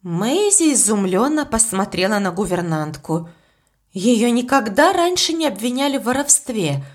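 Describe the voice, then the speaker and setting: Expressive woman narrating children's story. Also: on the high side, normal speed.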